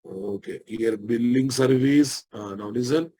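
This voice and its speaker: Here a software instructor with an Indian Telugu accent leads a live technical class at a measured pace, his voice mid-range. He says each phrase twice and checks whether everyone is following.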